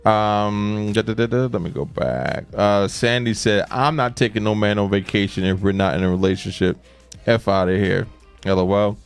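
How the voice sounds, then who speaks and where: A man's voice: on the low side, normal speed, clean tone, soft background music. A man co-hosting a radio show with casual, unfiltered banter and slangy, emphatic talk.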